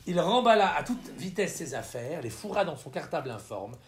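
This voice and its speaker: A man narrating a novel as an audiobook reader, telling the story in an expressive, ironic manner. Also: on the high side, normal speed, background noise.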